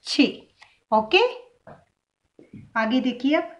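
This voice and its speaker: A woman's voice: high voice, animated, very slow. A woman teacher giving a grammar lesson, spelling sounds out one at a time, asking the viewer questions and then answering them herself.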